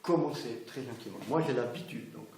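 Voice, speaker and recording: A man's voice: medium pitch, fairly quick, crowd noise. Man teaching massage, roomy. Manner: chatty, keeps checking in with the class. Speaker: massage instructor. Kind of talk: hands-on teaching demonstration. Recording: roomy echo, faint background noise.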